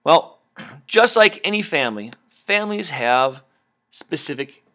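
A man teaching science with a high, bright voice that swings widely as he talks. He drills new words, stretching them out playfully and asking listeners to repeat after him. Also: measured pace. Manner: lively, playful, stretches key words and does a nasal pinched-nose voice.

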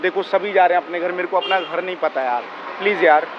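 A man's voice: sits high, fairly even intonation, fast talker, lo-fi sound, noisy background. A young man in a staged street prank, pleading and pushing in a teasing way. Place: outdoor street in the evening.

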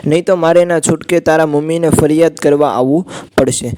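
A man's voice: a little high, fairly even intonation, a little fast, natural voice. A man voicing a proud, firm young woman college student in a storybook tale, scolding sharply. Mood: angry. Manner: sharp scolding then pleading.

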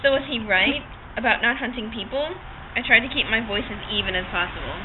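A giggly young woman, an amateur reader, reads a novel aloud dramatically and informally, often breaking into giggles. Her voice is a little high and quick. A camcorder across a picnic table in an open-sided park shelter captures tinny, phone-like audio amid outdoor noise.

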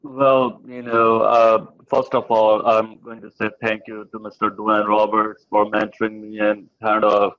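A man gives a hesitant testimonial as a student. His low voice stays flat and level. The recording is dull and muffled. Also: measured pace, few pauses.

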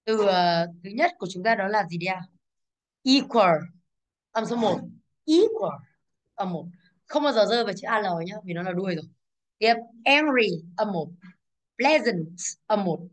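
Speaking in an animated, mid-range voice, a teacher moves quickly through answers for her English exam class. She puts stress on each English word and asks the class to confirm.

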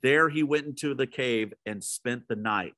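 A man at mid pitch preaches to his congregation, retelling a story and talking to them directly. Now and then he sinks into a hushed low tone to stress a point. The sound is close and dry, with no room echo. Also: normal speed. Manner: storytelling, drops to a soft low voice for emphasis; speaks straight to listeners. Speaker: pastor. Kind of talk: midweek sermon.

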